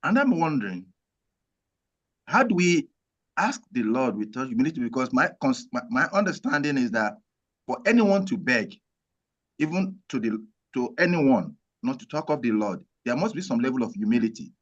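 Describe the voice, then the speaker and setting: A man's voice: medium pitch, sing-song, dull audio. Man on choppy, glitching call audio. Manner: halting and hesitant, with fillers and restarts. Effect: choppy video-call audio that keeps breaking up. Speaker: questioner in an online class. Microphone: video call.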